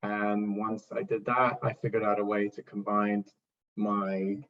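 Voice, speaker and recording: A man's voice: fairly low pitch, completely flat delivery, measured pace, far from the mic, muffled recording. A middle-aged man from Trinidad and Tobago, a singer-songwriter answering interview questions in a thoughtful, rambling, self-deprecating way. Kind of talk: relaxed interview talk.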